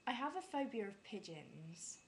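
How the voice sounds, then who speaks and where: A woman's voice: mid-range voice, very animated, moderate pace, slight background noise. A young British woman chatting casually with a friend, giggly and self-deprecating. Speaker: vlogger.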